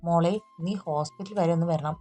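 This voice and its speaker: Brief: woman doing a patient young man, soft and earnest, lowish voice, storybook. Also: moderate pace, soft background music, lightly acted. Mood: soothing. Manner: calm, earnest, soothing.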